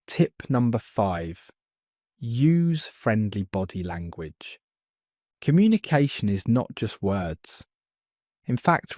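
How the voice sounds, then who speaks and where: A man teaching a beginner English lesson, speaking slowly and clearly and giving model phrases for learners to repeat. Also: fairly low pitch, darkish tone, dry recording, studio quality. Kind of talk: slow scripted language lesson.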